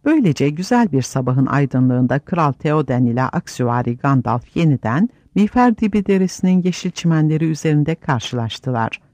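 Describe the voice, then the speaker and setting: A man's voice: mid-range voice, darkish tone, no room sound, highs cut off. A man narrating a fantasy audiobook with a dramatic storytelling delivery.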